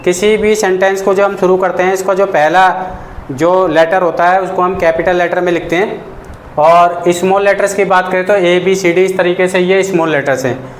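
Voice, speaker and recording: A high-pitched man teaching beginners, slowly and patiently, often asking the class simple questions. The room is echoey, with a faint hiss behind him. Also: fairly even intonation. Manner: patient, repeats points and asks the class questions. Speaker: English teacher. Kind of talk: classroom lesson explaining basics.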